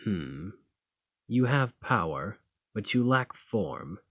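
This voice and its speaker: In a slow, intimate ASMR roleplay, a man acts as a dominant, haughty fantasy thane, commanding and formal with a condescending, teasing edge as he instructs. His exaggerated voice is on the low side, slow and sing-song with a breathy edge, recorded with no echo.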